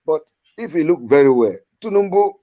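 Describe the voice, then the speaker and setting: A man's voice: a little high, sing-song, normal speed. Emphatic Nigerian man on a lo-fi line. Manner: emphatic, repetitive, interrupting. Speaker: caller. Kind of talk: heated political debate.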